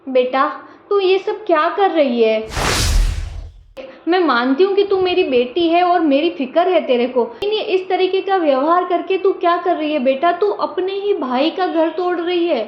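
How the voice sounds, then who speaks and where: A woman playing a gentle, fair-minded older mother who talks softly and reasons calmly, in a home-made family drama skit recorded in a roomy room. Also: very high-pitched, normal speed, a little hiss or hum. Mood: reasoning. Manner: soft, patient, calmly reasoning. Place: indoors at home. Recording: roomy, dull lo-fi sound.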